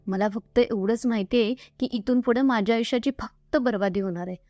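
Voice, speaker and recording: A woman voicing a young man who sounds despairing and pleads softly. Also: fairly high pitch, a little fast, dry recording, lightly acted.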